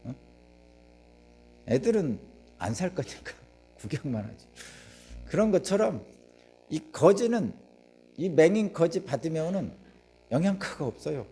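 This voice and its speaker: A man's voice: a little high, sing-song, a little slow, pauses often, dark tone, breathy edge, soft background music. A man preaching a sermon as pastor, telling the story vividly, asking the congregation questions and acting out the voices of the crowd.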